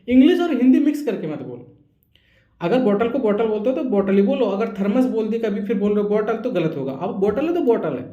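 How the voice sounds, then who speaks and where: Man, speech therapist, explaining to parents, high voice, mellow tone, roomy echo. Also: dull audio. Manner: explanatory, repeats "samajh rahe ho?" to check understanding. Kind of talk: teaching talk to parents. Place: therapy center room.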